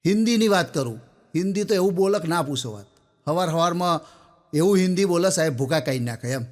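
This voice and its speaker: A man, pitched high for a man, reels off comic jokes one after another. He tells them in a chatty, storytelling way and keeps turning to speak straight to his listeners. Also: animated, quick pace. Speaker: stand-up comedian. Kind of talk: Gujarati folk joke telling.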